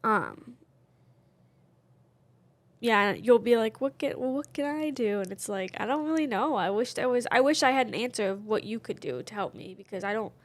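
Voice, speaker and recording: A woman's voice: mid-range voice, expressive, moderate pace, no echo. A woman co-hosting a podcast, talking candidly and casually with lots of fillers. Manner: candid, chatty, many fillers. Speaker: podcast co-host. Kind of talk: casual chat.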